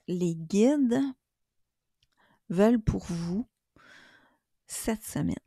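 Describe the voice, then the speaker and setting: A middle-aged woman with a Québécois accent, talking calmly and soothingly in a casual spiritual vlog about inner peace and tarot. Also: medium pitch, creaky, dry recording, studio quality. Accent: Québécois French. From Quebec. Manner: calm, soothing, gently reflective. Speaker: spiritual YouTuber and tarot reader.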